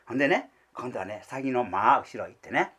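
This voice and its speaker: A man's voice: medium pitch, lively intonation, a little fast, fairly bright tone, husky. A man voicing a carefree, foolish young idler who rambles cheerfully in a Kansai accent, in rakugo storytelling. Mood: eager rambling. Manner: rambling, cheerful, full of fillers.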